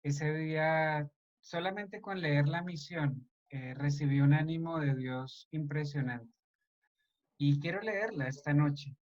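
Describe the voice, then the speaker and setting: A man's voice: fairly high pitch, slow. A man leading a church couples meeting, speaking earnestly and devotionally and addressing the listeners directly. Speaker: church couples ministry leader. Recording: dull lo-fi online meeting audio.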